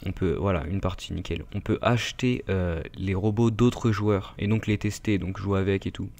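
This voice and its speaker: A gaming YouTuber with a French accent rambles through casual gameplay commentary at a moderate pace, full of fillers, restarting sentences and speaking right to his viewers. His slightly low voice keeps the talk relaxed and unscripted throughout.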